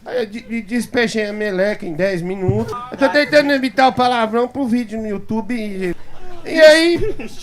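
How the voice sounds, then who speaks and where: High-pitched man telling a comic story. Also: normal speed, a crowd in the background. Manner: animated, acts out quoted voices, chuckles while telling. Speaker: guest storyteller on a comedy talk show. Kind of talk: comic anecdote told to a live audience. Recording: live talk show with audience laughter. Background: studio audience laughter.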